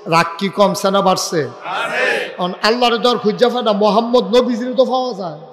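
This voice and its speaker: High-voiced preacher guy, shouting to the crowd at an outdoor gathering, long echo off the speakers. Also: moderate pace. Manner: shouts calls for responses to the crowd, jokes. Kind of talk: fiery storytelling sermon.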